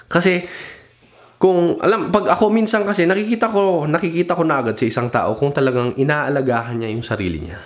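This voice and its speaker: A man's voice: a little high, fairly quick. A young man vlogging casual advice, mixing Tagalog and English, swearing freely, rambling and losing his thread. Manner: mixes Tagalog and English, swears casually, mimics other people; rambling and loose, loses his train of thought.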